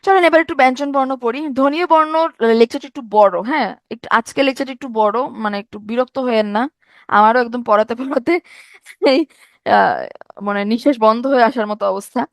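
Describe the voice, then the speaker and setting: A woman's voice: on the high side, quick pace, dry recording, clean studio sound. A young woman giving an exam-prep grammar lecture, explaining step by step and asking rhetorical questions. She sounds tired from a sleepless night. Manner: explanatory, asks rhetorical questions, repeats points. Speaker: teacher.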